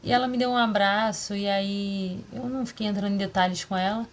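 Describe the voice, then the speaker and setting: A woman talking casually in a diary vlog, confessional and rambling, with quick asides to herself. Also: medium pitch, steady tone, slight background noise. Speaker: vlogger.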